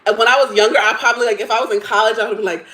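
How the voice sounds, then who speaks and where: A woman's voice: on the high side, fairly even intonation, very fast, sharp tone. Thirties woman host, opinionated and chatty, laughing often, roomy echo on the recording. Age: 30s. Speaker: livestream host. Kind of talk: casual chat reacting to stories and chat comments.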